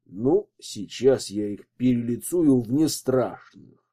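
A man voicing a calm, confident detective who speaks with dry irony. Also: mid-range voice, slow pace, vocal fry, slightly rough, heavily acted. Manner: calm, dryly ironic.

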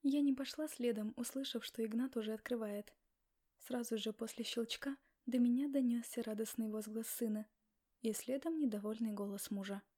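Dark-voiced woman reading an audiobook. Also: fairly high pitch, moderate pace. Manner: expressive, dramatic reading. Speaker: audiobook narrator. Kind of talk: first-person audiobook narration.

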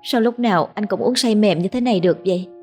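A woman's voice: medium pitch, fast talker, warm tone, faint music behind, voice pushed up, close to an everyday voice. A woman doing a timid, pleading young wife. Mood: sulky.

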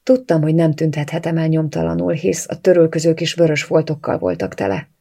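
Gravelly-voiced audiobook reader. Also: medium pitch, warm tone. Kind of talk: audiobook narration in first person.

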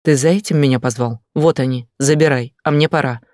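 A man's voice: medium pitch, steady tone, brisk, a little mellow, no echo, clean studio sound, close to an everyday voice. A man voicing an indignant, hurt wife in an audiobook, talking back firmly.

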